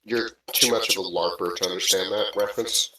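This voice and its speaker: Distant, echoing young man, bright and teasing. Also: fairly low pitch, fairly even intonation, fairly quick. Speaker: stream companion. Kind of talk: casual chat. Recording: roomy, distant, faintly noisy microphone.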